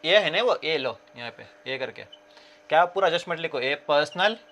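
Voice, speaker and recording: A man's voice: fairly high pitch, lively intonation, fairly bright tone. Hindi-speaking commerce teacher, man, questioning. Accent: Kannada-region Indian English. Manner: repeats key terms, quizzes students with questions; mixes Hindi with English terms, reads problems slowly. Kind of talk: classroom lecture.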